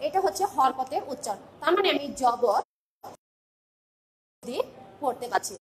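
A woman's voice: high-pitched, lively intonation, slight background noise. A woman teaching an online class with a Bangladeshi Bengali accent, calling out letters one by one and asking her pupils questions as she goes. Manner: slow, drilled recitation of letters with questions to pupils.

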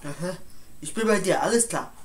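Woman shouting in a lively street-slang quarrel. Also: fairly low pitch, brisk. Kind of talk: comedy sketch dialogue.

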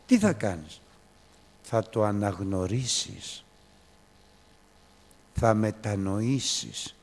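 A man preaching a sermon, telling a story with swings from soft to loud. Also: lowish voice.

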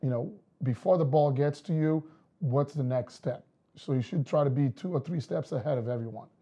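A man, a soccer coach explaining his methods in an interview, measured with many fillers. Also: medium pitch, dark tone, husky. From Portugal. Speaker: girls' soccer coach, guest. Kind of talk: casual interview talk. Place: studio set with wood backdrop.

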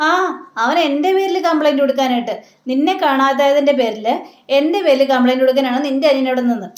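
A woman's voice: sits high, fast talker, a little mellow, natural voice. A woman reading the lines of a young husband who teases and defends himself, in an echoey room. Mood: defensive. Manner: plain retelling of a man's lines.

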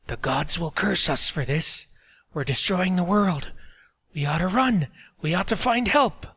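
A man's voice: sits high, expressive, unhurried, a bit bright, slightly rough, pitched above the performer's own voice, exaggerated voice. A man voicing a frightened villager urging others to flee. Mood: urgent.

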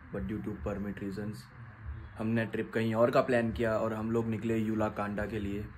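Mellow man recapping a road trip. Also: lowish voice, a little hiss or hum, rough recording. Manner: steady recap, to the viewers. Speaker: travel vlogger. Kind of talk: casual travel narration.

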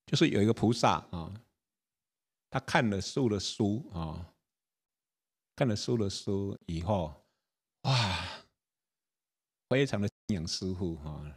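Buddhist monk giving a relaxed dharma talk, low husky voice, keeps asking if listeners follow. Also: male voice, unhurried, pauses often. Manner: chatty, laughs, asks the audience if they follow.

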